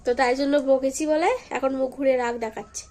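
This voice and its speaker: Young mom vlogging at home sick with fever, sweet coaxing baby talk then chatty, kinda high voice. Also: female voice, steady tone, quick pace, dark tone. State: unwell with fever. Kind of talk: casual home vlog. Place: home, bedroom and kitchen.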